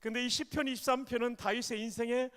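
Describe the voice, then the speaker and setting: A pastor from Chungcheong preaching at a revival meeting, leading the congregation in call-and-response with energy. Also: male voice, extremely high pitch, fairly even intonation, fast, a bit bright, clean tone. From Chungcheong, Korea. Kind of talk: revival sermon. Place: large church or retreat hall. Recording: long echo of a large hall.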